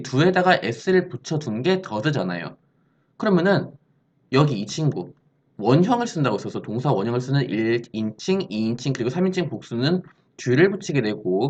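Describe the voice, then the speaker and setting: Lively-voiced man teaching grammar. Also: mid-range voice, normal speed, highs cut off. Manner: explains step by step, asks and answers own questions. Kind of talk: recorded classroom-style lesson.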